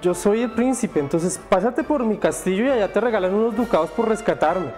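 A vain young storybook prince put on by a narrator. He talks in snooty slang in a raised, lively voice over faint background music. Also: medium pitch, brisk, pitched above the performer's own voice, natural voice.

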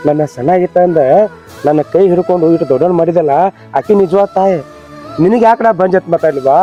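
A man playing a pleading son, fast and high. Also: warm tone, dull audio, soft background music, natural voice. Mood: hurt. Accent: North Karnataka Kannada. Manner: pleading, emotional. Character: pleading young married son, torn between mother and wife. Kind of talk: village family drama skit.

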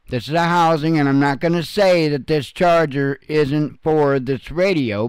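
Speaking off the cuff, this male host of an online news commentary show delivers plain-spoken, folksy takes with a bit of cussing. His voice is mid-range and clean, recorded without echo.

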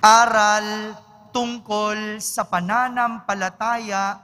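A man, a priest, reading the gospel and preaching at Mass in a slow, measured, solemn way. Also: high-pitched, bright, forceful tone. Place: large church. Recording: echoey church hall.

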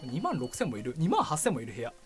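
A young man commentates a racing game at a quick clip, his pitch leaping up and down as he jokes and cheers. He talks like a host chatting with his viewers, and music plays underneath. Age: young adult. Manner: animated, jokey, bursts of cheering and impressions. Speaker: gaming channel host. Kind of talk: excited gameplay commentary. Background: background music.

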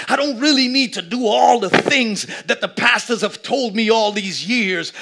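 A man in his thirties preaching a lively sermon on a church stage, swinging from shouts to low asides and acting out little scenes. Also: creaky. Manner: animated preaching, shifting between loud shouts and low asides. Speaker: pastor. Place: church stage with a seated audience.

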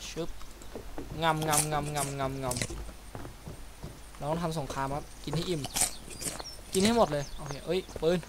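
A man talks his way through a game session in a casual, chatty let's-play style. His voice sits a little high, and he peppers his talk with playful mouth sound effects. Game sounds play loudly underneath. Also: brisk, noisy background. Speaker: gaming YouTuber. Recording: loud game sounds behind voice.

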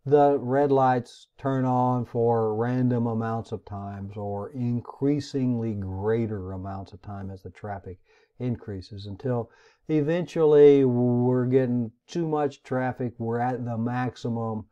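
A man teaching a recorded networking lecture, talking in a halting way with many restarts and fillers. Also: mid-range voice, mellow, muffled recording. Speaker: instructor.

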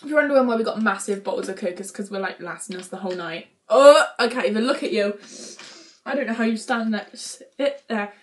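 A woman's voice: a little high, a little fast. A young woman vlogging a food challenge, dramatic and giggly. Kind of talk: casual chat.

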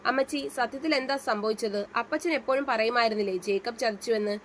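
Woman doing a caring young guy, firm but tender, storybook, highish. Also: fast, a little hiss or hum, natural voice. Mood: reassuring. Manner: firm yet tender, reassuring. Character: young man, protective caring husband.

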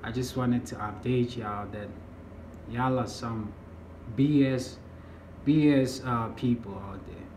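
A young man from the United States chats to his phone camera in an unhurried, drawling way, often trailing off mid-thought. His middle-pitched voice is recorded at arm's length in a small room that rings with echo, with a faint hiss behind it. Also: darkish tone. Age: young adult. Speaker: vlogger. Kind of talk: casual vlog to camera.

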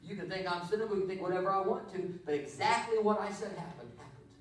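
Impassioned preacher in a booming echoey church. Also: male voice, fast talker. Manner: impassioned, swings between loud emphasis and quiet storytelling. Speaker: pastor. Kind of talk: sermon. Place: church sanctuary. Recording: very roomy church sound, voice from far off.

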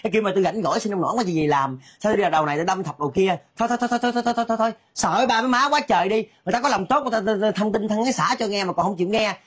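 A husky-voiced gossip of a village woman, played by a performer talks in a relentless, breathless torrent. She is insistent and defensive, the busybody of a comedy sketch. The flow never slows. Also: medium pitch, close to an everyday voice. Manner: rapid, insistent, defensive chatter. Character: nosy gossiping village woman who denies everything. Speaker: skit comedian.

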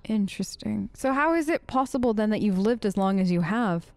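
Here a female let's play gamer voices her character in relaxed, improvised role-play, hesitating as she chats close to the microphone. Her mid-range, darkish voice is lively in intonation and fairly quick.

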